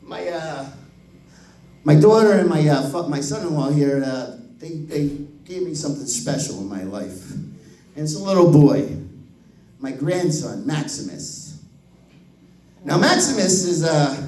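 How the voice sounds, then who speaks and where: Animated profane man in his fifties. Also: on the high side, recorded from a distance. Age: 50s. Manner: profane, animated, acts out voices. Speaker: stand-up comedian. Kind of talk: stand-up comedy storytelling. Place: comedy club stage. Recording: roomy echo, voice from the mic.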